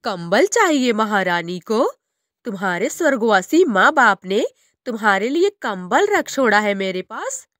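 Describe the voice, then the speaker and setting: A woman's voice: medium pitch, very animated, measured pace, fairly bright tone, dry recording, clean studio sound. A woman voicing a cruel stepmother bird in a cartoon story, harsh, taunting and bossy. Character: cruel, scolding adult female stepmother bird.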